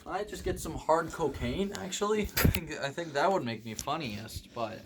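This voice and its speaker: A young man doing rambling stand-up comedy, halting with ums and likes and acting out the voices of people in his stories. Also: a little high, lively intonation, very noisy. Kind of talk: rambling comic storytelling.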